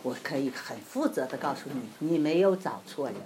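Animated woman preaching on marriage. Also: deep voice, a little fast, a little hiss or hum. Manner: animated storytelling, laughs often. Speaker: church speaker. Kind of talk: informal sermon on marriage.

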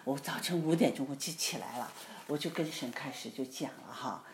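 A woman pastor telling a personal faith story in a casual interview, animated and laughing often as she acts out what people said. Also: very deep voice, brisk. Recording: roomy echo with faint noise.

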